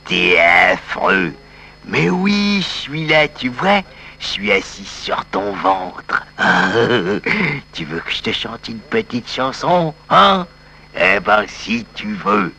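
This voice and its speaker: A man's voice: fairly low pitch, very animated, vocal fry, pushed and bright, voice pushed down, full character voice. A man voicing a sadistic fellow who taunts a crying friend in a comic sketch. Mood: gloating. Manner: taunting, relishing, drawn-out. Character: sadistic man gloating over a weeping friend.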